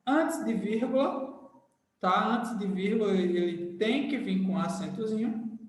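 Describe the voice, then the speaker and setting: A man's voice: high-pitched, unhurried, a little hiss or hum. A man teaching a grammar lesson to a class, repeating key phrases and checking in with his students. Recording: echoey hall, voice far from the mic.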